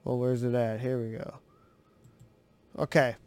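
Over game footage, a man hosting a sports podcast delivers excitable, rambling, profane commentary. He talks a little slowly, at medium pitch.

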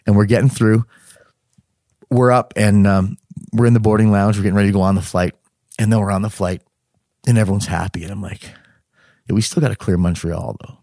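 A middle-aged man with a fairly low voice recounts a story in an easy, conversational way. He drops into quoted dialogue and breaks into laughter as he talks. The recording is close and dry, with no room sound. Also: brisk, pauses often, dry recording. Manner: animated, acts out dialogue, laughs mid-sentence. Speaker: guest telling a personal story. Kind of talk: casual spoken storytelling.

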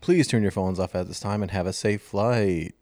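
A man's voice: on the low side, a little mellow, no echo, close to an everyday voice. A man doing a stiff airline pilot announcement. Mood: formal. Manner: stiff announcer delivery, slowed. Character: male airline pilot making cabin announcements.

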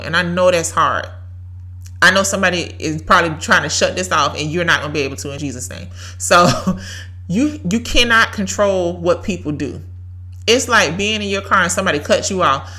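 Woman in her thirties, podcast host, fairly low voice, preachy and emphatic with repeated lines. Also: sharp tone. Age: 30s. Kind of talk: faith-based motivational talk.

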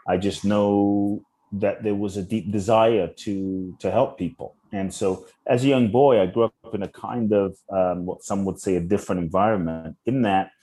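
A young adult man, a podcast guest from Ghana and London, telling his life story earnestly with slow, searching restarts. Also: fairly low pitch, fairly even intonation, warm tone, breathy edge. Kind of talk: reflective interview storytelling.

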